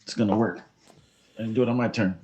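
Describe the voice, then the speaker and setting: A man's voice: on the low side, fairly even intonation, fast, mellow, dull audio. A man playing a tabletop miniatures game, calling out his moves in casual chat and joking to his pieces.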